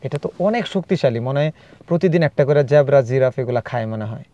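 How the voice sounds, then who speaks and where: A man narrating a casual travel vlog outdoors from a safari vehicle, excited and sometimes hushed while he films wildlife. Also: medium pitch, fast, muffled recording. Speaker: travel vlogger.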